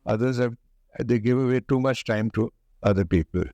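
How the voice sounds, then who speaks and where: An older man speaks with a posh, educated Indian accent in a relaxed, mellow tone. He answers like an interview guest, deliberate and emphatic, often repeating a phrase to drive it home. The sound is very dry, with hardly any room in it. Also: medium pitch, dry recording. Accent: educated upper-class Indian.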